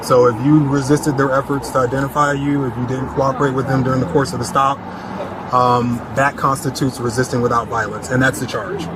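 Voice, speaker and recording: A male police supervisor heard on body cam audio, explaining procedure in a measured way and often rephrasing himself. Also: medium pitch, little pitch movement. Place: outdoors by a roadside traffic stop. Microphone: body-worn camera. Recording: body cam audio, loud outdoor traffic noise.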